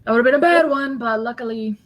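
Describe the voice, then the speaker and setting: A woman co-hosting a podcast, chatty and quick to agree in casual conversation. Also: on the high side, a loud crowd. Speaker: podcast co-host. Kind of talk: casual interview chat.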